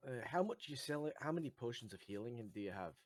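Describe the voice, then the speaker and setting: A man's voice: mid-range voice, expressive, quick pace. A man playing a tabletop game, asking and haggling in casual everyday speech.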